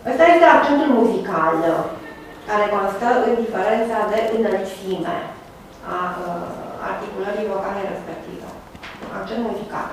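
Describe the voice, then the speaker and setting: A woman giving a university lecture, pausing often on fillers and checking in with her students. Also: medium pitch, slight background noise. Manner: hesitant, frequent uh fillers, checks with "da?". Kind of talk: academic lecture. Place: lecture room. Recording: echoey room from far off.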